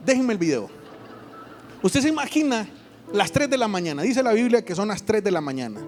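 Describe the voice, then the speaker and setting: A man with a Honduran accent preaching a lively sermon, acting out voices and joking with the congregation. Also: high voice, a little fast, faint music behind. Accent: Honduran Spanish. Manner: animated storytelling, acts out voices and jokes. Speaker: pastor. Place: church hall.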